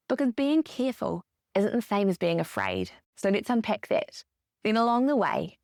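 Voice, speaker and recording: A woman in her thirties hosting a podcast, giving an upbeat scripted monologue that explains each point with lively emphasis. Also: mid-range voice, creaky, dry recording, clean studio sound. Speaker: podcast host.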